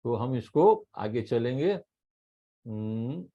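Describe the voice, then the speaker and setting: A middle-aged man with an Indian accent giving a training talk on tax law, speaking slowly and emphatically, repeating key points and mixing Hindi with English. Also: mid-range voice, expressive, dark tone, dull audio. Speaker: insurance trainer.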